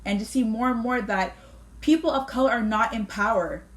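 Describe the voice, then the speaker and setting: A woman's voice: on the high side, normal speed. Canadian woman pastor, earnest conversational voice, rhetorical questions. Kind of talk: conversational discussion.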